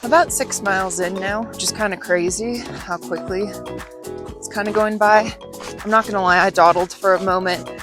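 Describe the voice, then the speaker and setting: A woman's voice: medium pitch, fairly quick, few pauses. A young woman chatting casually to her vlog while out on a trail run, recorded outdoors on a mountain. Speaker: trail running vlogger. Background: music.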